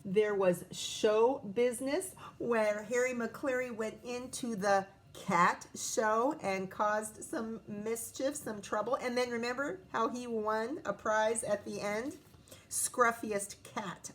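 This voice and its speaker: A female teacher reads a picture book aloud to children with lots of expression, frequently stopping to ask the young listeners questions. Her voice sits at a medium pitch, and there's a faint hiss or hum in the background.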